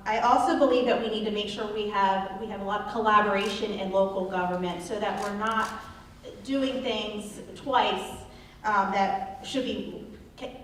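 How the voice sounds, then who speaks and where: Woman candidate, earnest, hesitant ums, heard from across a boomy hall. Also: slight background noise. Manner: earnest, with frequent ums and restarts. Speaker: council candidate. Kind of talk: candidate forum answers. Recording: echoey hall, distant mic.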